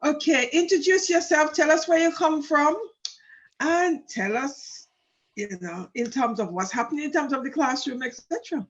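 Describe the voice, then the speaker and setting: Host: conversational woman, higher voice, muffled lo-fi line. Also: normal speed. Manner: prompting, conversational. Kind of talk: casual interview talk. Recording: dull lo-fi audio.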